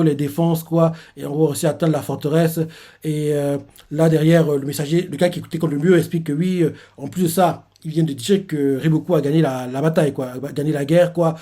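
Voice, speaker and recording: Husky man recapping a manga chapter. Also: a little high, dark tone. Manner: rambling, loose, heavy on filler phrases. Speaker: manga reviewer.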